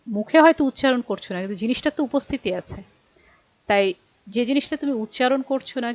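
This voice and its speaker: A woman's voice: a little high, dry recording, lo-fi sound. Bangladeshi woman teaching English punctuation. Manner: explains patiently, reads English examples slowly, checks in with "okay?". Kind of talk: exam-prep lesson.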